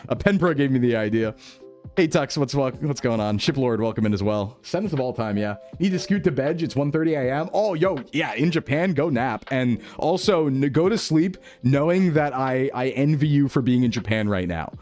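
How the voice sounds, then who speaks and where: A man's voice: medium pitch, lively intonation, moderate pace, a little mellow. A male VTuber chatting casually with his stream viewers, playful and jokey, heard through livestream headset mic audio. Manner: playful, jokey, laughing often.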